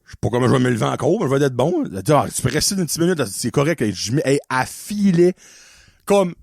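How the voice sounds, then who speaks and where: A man with an Acadian French accent hosting a podcast and telling a story in a casual monologue. He is animated, laughs often and drops English words into his speech. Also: mid-range voice, rapid-fire, vocal fry, husky, no room sound, clean studio sound. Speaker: podcast host.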